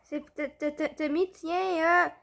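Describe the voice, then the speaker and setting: Casting: young woman, high voice, chatty gameplay host. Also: fairly even intonation, measured pace, creaky, fairly bright tone. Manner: chatty, with fillers and restarts. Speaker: gaming video host. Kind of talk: casual gameplay commentary.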